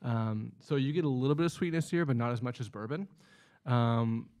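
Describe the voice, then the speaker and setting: A man who is the production manager at a distillery, explaining at length in a measured, casual podcast chat with frequent ums. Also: mid-range voice, darkish tone. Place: indoor studio at a table.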